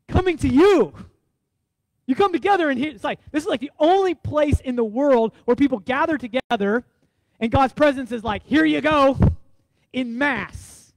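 Man, pastor, sermon, swings from loud emphasis to hushed storytelling. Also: very high-pitched, no room sound, poor audio. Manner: emphatic preaching with big swings of loudness, dropping soft for stories.

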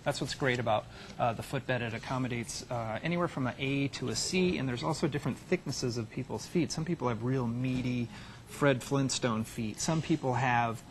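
A man's voice: mid-range voice, moderate pace, a little hiss or hum. A middle-aged man giving a casual, chatty home shopping product demonstration as a guest expert in a TV studio. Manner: chatty, informal explaining with folksy examples. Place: television studio set.

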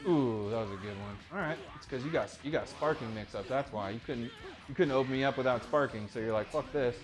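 A man commentating live over his own ranked fighting game matches, excitable and profane, dropping to mutters and then yelping at big moments. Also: mid-range voice, a little fast. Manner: excitable, swings between mutters and sudden yelps; profane trash talk at his opponent. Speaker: gaming streamer. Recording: game music loud behind voice.

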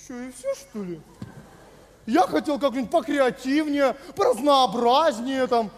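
A melodramatic, cheeky spy villain, played by a young man in stage comedy. The voice is very high and theatrical, ringing through a big hall. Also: lively intonation, measured pace. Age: young adult. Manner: theatrical, exclamatory. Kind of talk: live sketch comedy. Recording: echoing hall, music behind.

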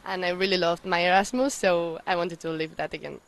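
A woman's voice: on the low side, fairly even intonation, fairly quick, low-quality recording. A young woman from the Basque Country, answering interview questions with enthusiasm on a handheld mic indoors. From Basque Country, Spain. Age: young adult. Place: indoor hostel reception.

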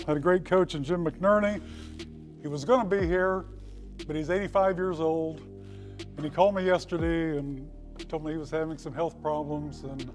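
A man near seventy speaks into a podium microphone in a school hall, his voice pitched a little high for a man. He tells stories from his youth in an easygoing, folksy way, slipping in dry, understated jokes. Faint music sits far behind him. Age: 60s. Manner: folksy storytelling with dry humor. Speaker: hall of fame inductee. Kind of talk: acceptance speech. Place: school hall with brick walls.

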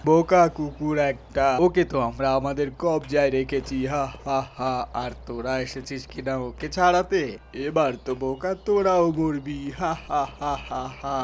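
A man's voice: on the high side, unhurried, slight background noise, voice pushed down, close to an everyday voice. A man voicing a gloating gang villain in a game skit, with taunting threats and a mocking manner. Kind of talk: gameplay skit role-play.

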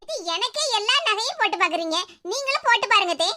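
A woman voicing a respectful young daughter-in-law in a cartoon, with a Kanyakumari Tamil accent and a gentle manner. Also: extremely high pitch, expressive, fast, background noise.

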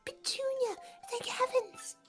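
Casting: small devoted game critter, Christmas-elf squeak, very high, breathless exclamations, music underneath. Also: female voice, fairly even intonation, slow. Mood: excited, urgent. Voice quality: squeaky, childlike. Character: squeaky excitable young bug creature, earnest and devoted. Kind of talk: amateur voice-over of video game dialogue.

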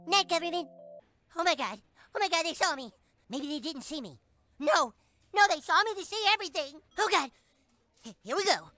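A man's voice: very high voice, pushed and bright, exaggerated voice. Sweet, naive cartoon boy. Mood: innocent, then anxious. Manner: earnest, stammering. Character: naive sweet timid boy, eager to please. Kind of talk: cartoon voice acting.

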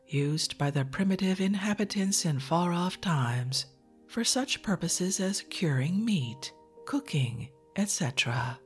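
A narrator reading a text under their breath in a soft, partly whispered ASMR style. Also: medium pitch.

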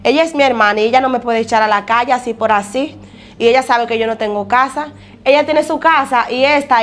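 A woman's voice: a little high, a little hiss or hum, close to an everyday voice. A woman playing a stubborn woman who refuses to leave her sister's house, talking in a defiant, insistent way. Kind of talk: amateur drama acting.

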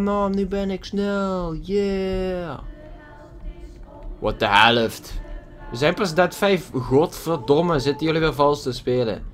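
A man's voice: a little high, fairly bright tone. A man giving casual gameplay commentary at his computer, swearing a lot with exaggerated frustration. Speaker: gaming YouTuber. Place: at a computer desk with a loud keyboard. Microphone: desk microphone.

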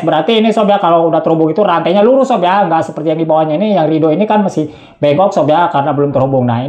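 A man's voice: sits high, a little mellow, reverberant. A man narrating a casual tech tutorial, chatty and slangy, constantly addressing viewers.

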